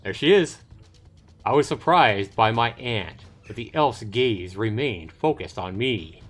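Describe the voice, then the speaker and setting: A middle-aged game streamer narrates a visual novel on a casual livestream, mixing read text with his own commentary through a voice chat mic. His mid-range voice is fairly bright with lively intonation, a little slow, and faint music plays behind him.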